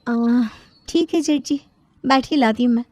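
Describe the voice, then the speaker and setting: A woman voicing a sarcastic, dismissive young sister-in-law in an animated storybook. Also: a little high, measured pace, no room sound, pitched above the performer's own voice. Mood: mock-polite.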